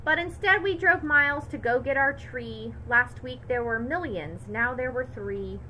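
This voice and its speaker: Bright, expressive woman reading aloud. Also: sits high, unhurried, a little hiss or hum, poor audio. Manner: lively, expressive storytelling. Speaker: teacher. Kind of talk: reading a picture book aloud to children.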